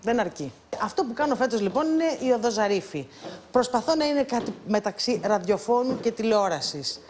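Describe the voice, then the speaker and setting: A woman's voice: fairly high pitch, big pitch swings, darkish tone, a little hiss or hum. A woman mentoring a group of contestants, speaking in a playful, teasing way and calling them pet names. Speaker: guest mentor on a presenter contest show. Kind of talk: casual coaching talk to contestants.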